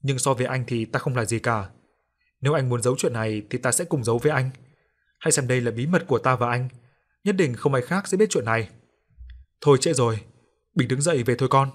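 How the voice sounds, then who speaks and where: A man voicing a stern, quick-tempered old grandfather in a ghost story, speaking gruffly. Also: mid-range voice, close to an everyday voice. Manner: gruff, scolding.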